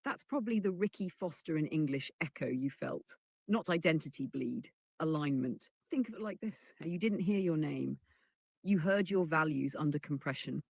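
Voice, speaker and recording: Text-to-speech narrator for a chatbot answer, husky and gravelly, measured explainer read, dry close sound. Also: medium pitch, no echo. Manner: measured, even explanatory delivery that reads punctuation aloud. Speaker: AI assistant reply read aloud. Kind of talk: synthetic voice reading a chatbot answer.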